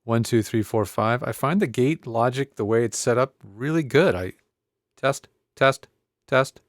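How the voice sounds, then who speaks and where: Slightly slow and mid-range, this man's voice is recorded with no echo. A tech reviewer at home in his studio, he chats his way through a casual tutorial into a desk-arm condenser mic, often checking the mic and counting, with a faint computer hum in the background.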